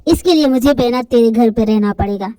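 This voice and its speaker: A woman's voice: a little high, brisk, warm tone, no echo, pitched below the performer's own voice, natural voice. A woman doing a cheeky, teasing younger brother. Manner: teasing, playful. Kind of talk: Hindi fan dub, one reader voicing all.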